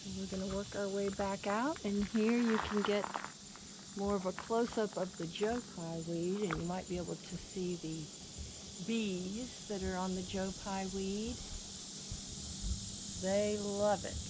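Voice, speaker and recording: A woman giving a casual, unhurried, plainspoken tour of a garden. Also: mid-range voice, fairly even intonation. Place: outdoors in a garden. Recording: noisy outdoor recording with insect sounds. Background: crickets and insects.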